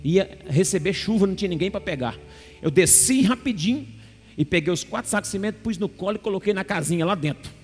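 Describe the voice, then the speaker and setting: A male pastor with a high voice preaches in a large church. He tells his story with animation and acts out the lines of the people in it. His voice carries a long reverb, and soft music plays underneath. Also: fast. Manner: animated storytelling, acting out dialogue. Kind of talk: sermon with personal testimony.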